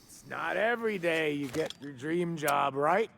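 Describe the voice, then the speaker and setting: A man's voice: on the high side, lively intonation, a little slow, vocal fry, fairly bright tone, slight background noise, full character voice. An actor playing a drunk, boastful young male bodyguard who slurs, giggles and rambles. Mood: tipsy rambling. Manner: slurring, giddy, rambling.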